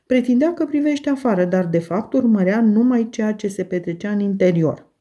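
A woman reading a classic novel aloud in an audiobook, measured and steady. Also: mid-range voice, highs cut off. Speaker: audiobook narrator.

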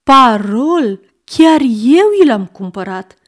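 A woman reading aloud and voicing an indignant, sharp-tongued aunt. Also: fairly high pitch, expressive, close to an everyday voice. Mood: insistent. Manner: indignant, snappy.

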